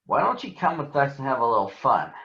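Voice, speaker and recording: A man's voice: medium pitch, big pitch swings, quick pace, gravelly, fairly bright tone. A man voicing a big swaggering bully bear in a storybook, with a mocking, taunting delivery. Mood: cocky, coaxing. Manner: taunting, sneering. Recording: roomy echo, dull lo-fi sound.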